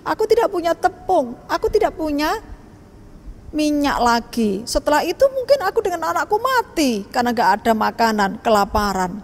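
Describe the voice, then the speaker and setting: A woman voicing a desperate widowed mother who pleads and weeps in a high voice. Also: very animated, normal speed. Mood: despairing.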